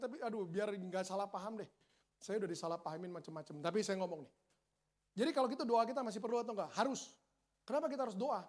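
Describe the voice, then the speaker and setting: Animated male pastor with slang. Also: sits high. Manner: animated, humorous, colloquial, swings from loud peaks to quiet asides. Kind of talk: sermon. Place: church service.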